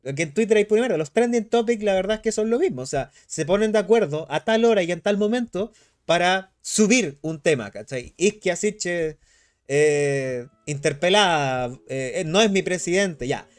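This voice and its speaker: Animated Chilean man streaming. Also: high voice, normal speed, clear, resonant tone. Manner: animated, slangy, reads chat aloud. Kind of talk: casual live-stream chat.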